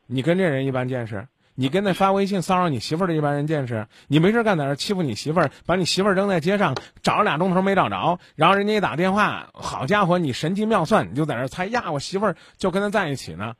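Male call-in host, blunt lecturing tone, husky voice, dry sound. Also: fairly high pitch, lively intonation, quick pace, few pauses, fairly bright tone, no room sound. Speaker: radio call-in advice host. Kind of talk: radio call-in advice.

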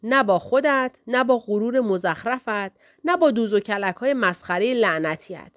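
A woman voicing a sullen, rough young country man who snarls and shouts back in bitter anger. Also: on the high side, lively intonation, no room sound, clean studio sound, close to an everyday voice. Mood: hostile.

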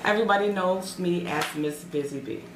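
A woman's voice: on the low side, fairly quick, reverberant, background noise. A woman, chatting as an interview guest. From Chicago. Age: 40s. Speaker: guest, entrepreneur.

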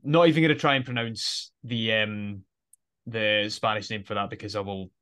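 A man's voice: lowish voice, steady tone, moderate pace, fairly bright tone, smooth. Rambling man explaining. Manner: explanatory, rambling with frequent restarts. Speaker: podcast co-host. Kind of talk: casual podcast chat.

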